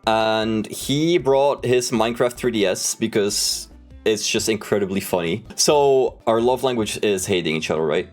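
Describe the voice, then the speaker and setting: Young male streamer, lowish pitch, casual and sweary storyteller, music playing behind him. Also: normal speed. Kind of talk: casual livestream chat. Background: background music.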